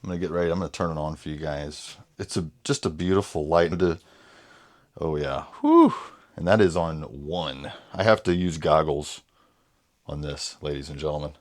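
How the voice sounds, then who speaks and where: A man giving an enthusiastic, casual show-and-tell vlog from beside his indoor grow tents, often addressing viewers as "ladies and gentlemen.". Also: extremely low pitch, very animated, normal speed. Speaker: home grower vlogger.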